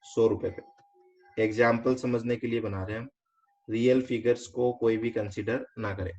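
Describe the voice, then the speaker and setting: Over soft background music, a medium-pitched, slightly mellow man with an Indian accent and fairly even intonation teaches finance in an online class. He explains step by step, asks quick check questions, and blends English terms into the lesson, on a slightly dull lo-fi recording.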